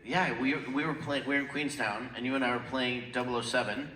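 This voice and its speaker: A man chatting on a convention panel, halting and restarting, with dry asides. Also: mid-range voice, fairly even intonation, pushed and bright, slight background noise. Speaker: panel guest. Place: large convention hall. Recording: echoey hall, far mic.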